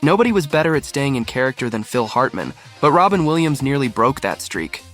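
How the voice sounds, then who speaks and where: A man's voice: medium pitch, big pitch swings, fairly quick. A man reading scripted narration for a compilation video. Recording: music under the voice. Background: background music.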